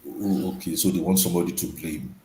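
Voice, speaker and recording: A man with a very low voice talks casually. The sound is roomy and echoing, with a faint rumble of noise underneath. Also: fairly even intonation, quick pace, mellow. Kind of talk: casual chat. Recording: echoey, noisy, with low rumble.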